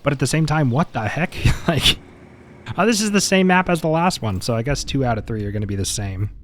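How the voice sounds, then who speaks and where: A man's voice: medium pitch, animated, a little fast, fairly bright tone, a little hiss or hum. A man giving casual, opinionated gameplay benchmark commentary, chatty and mildly exasperated. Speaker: gaming content creator.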